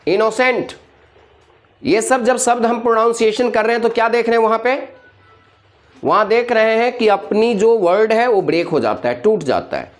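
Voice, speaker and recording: A male teacher giving a classroom grammar lecture, constantly quizzing his students with call-and-response questions. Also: high-pitched.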